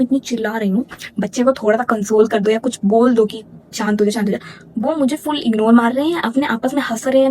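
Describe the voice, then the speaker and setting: A young woman tells a personal story to her viewers in a quick, emotional rush. Her voice sits a little high but sounds mellow and soft-edged. She circles back over the same phrases and drops in casual English words as she goes. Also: rough recording. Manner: emotional, repetitive retelling mixing Hindi and English. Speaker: vlogger. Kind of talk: storytime vlog.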